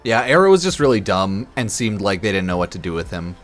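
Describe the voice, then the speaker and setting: A man on the lower side of the pitch range speaks quickly in a sing-song way as he streams, a bit drunk. His rambling game commentary is casual, blunt, profane, and opinionated, with music under his voice.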